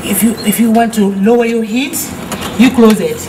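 A woman's voice: a little high, fairly even intonation, moderate pace, noisy background. A middle-aged woman, patiently explaining home cooking outdoors and often repeating herself. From The Gambia. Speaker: cooking teacher. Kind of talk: casual explaining. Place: outdoor courtyard.

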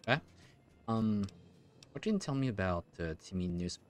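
A man's voice: on the low side, animated, normal speed. A man in his thirties giving casual, hesitant, musing commentary as he plays a video game. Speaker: gaming streamer.

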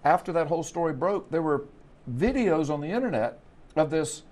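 Speaking fairly quickly in a voice on the high side, a middle-aged pastor and author from the US Gulf Coast tells an animated story on a TV studio panel. He gestures with his hands as he talks, wearing a lapel mic.

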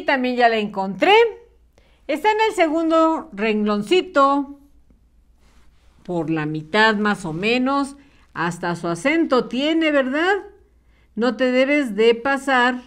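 Patient woman teaching spelling to children. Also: on the high side. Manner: patient, encouraging, slow and clear dictation. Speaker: primary school teacher.

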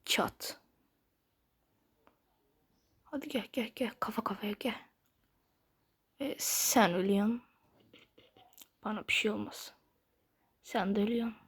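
A woman's voice: medium pitch, unhurried, long pauses, breathy edge. A woman playing a mobile game and chatting playfully to her opponents, often in a half-whisper. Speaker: gamer. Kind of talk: casual gameplay commentary. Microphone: phone screen recording.

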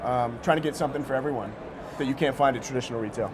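Rapid-fire and mid-range in pitch, this thirtysomething American co-founder answers an interviewer casually, leaning on slang. The recording, made in an indoor sneaker shop showroom, carries clear background noise.

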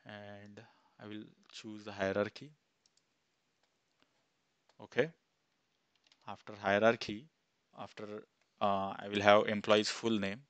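A man in his thirties, an instructor, talking step by step through a screen-recorded software tutorial on a headset mic, with fillers as he goes. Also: on the low side, flat delivery, slow pace, pauses often, clean tone, dry recording. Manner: plain step-by-step, thinking aloud with fillers. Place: small room indoors.

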